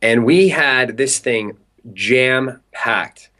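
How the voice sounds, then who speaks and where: A young man from Southern California, a guest telling an animated story in an interview, talking in a chatty way full of filler words. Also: mid-range voice, drawn-out words.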